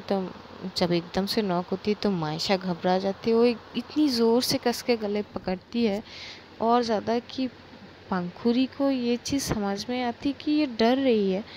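A woman's voice: medium pitch, steady tone, measured pace, darkish tone, a little hiss or hum, low-quality recording. A woman narrating a serialized romance story in a chatty, casual way with lots of fillers. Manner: chatty, filler-heavy retelling.

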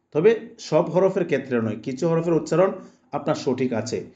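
A man teaching Quran recitation, slowly and deliberately drawing out each letter sound for his students to repeat. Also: on the high side, a little mellow, dull audio. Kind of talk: slow instructional lesson.

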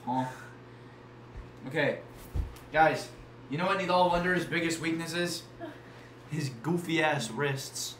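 A man's voice: on the high side, slow, long pauses, a bit bright. A young man hosting a casual livestream, teasing his co-host and thanking viewers for donations. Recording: echoey room, faint noise.

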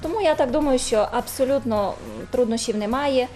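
A woman lecturer on a studio interview panel, speaking in a measured, formal way with small hesitations. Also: sits high, darkish tone, faint music behind. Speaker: language lecturer.

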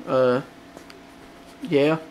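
A man's voice: fairly high pitch, very slow, darkish tone, slight background noise. A man with a light Southern accent from Georgia, talking through a casual vlog update late at night, rambling with many restarts and fillers. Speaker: hobbyist phone modder.

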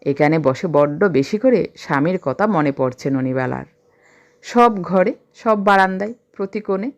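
A woman storyteller reading a classic story aloud with an expressive, emotional delivery. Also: fairly low pitch.

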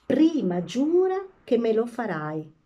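A woman's voice: on the high side, very animated, takes it slowly, dark tone, voice pushed up, full character voice. A woman voicing a spoiled, curious little princess who talks in a whiny, demanding way.

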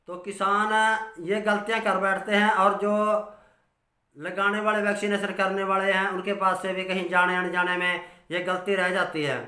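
Speaking from notes in a curtained little room of his house, this Haryana farmer in his sixties offers casual instruction on dairy farming. The voice is bright and forceful with a fairly flat pitch, and the recording carries noticeable indoor reverb.

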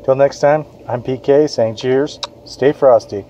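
Sitting on an outdoor patio, a Western Canadian father chats casually through a beer review, reading the label aloud in a mellow, medium-pitched voice at a measured pace. The audio is dull with slight background noise.

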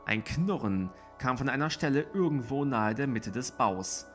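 A man reading a novel aloud in a calm, steady storytelling manner. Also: medium pitch, normal speed, faint music behind. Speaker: audiobook reader.

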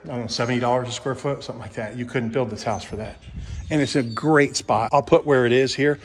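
A middle-aged real estate agent from Kentucky gives a casual, chatty walkthrough of an empty house, phone camera in hand, mostly indoors with some steps outside. Folksy, salesy asides and restarts run through his talk. His voice is medium pitched, and the recording carries a little hiss or hum.

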